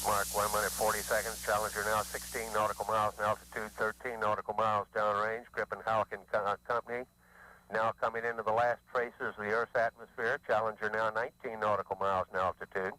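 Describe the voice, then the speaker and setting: A man giving clipped, steady launch callouts over a crackling space radio link that breaks up, heard on an old archival recording. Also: on the low side, fast. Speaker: mission control announcer.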